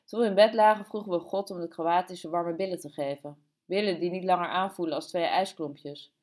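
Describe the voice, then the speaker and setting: Woman audiobook narrator, lowish voice, calm and steady. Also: brisk. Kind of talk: scripted narration.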